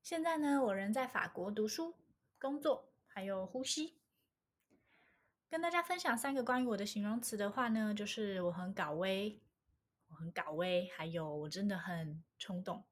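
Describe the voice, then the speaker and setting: A woman's voice: medium pitch, expressive, normal speed. A young woman from Taiwan with a Taiwanese accent, a native Mandarin speaker, introducing her channel in a playful, scripted way. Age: young adult. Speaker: channel host.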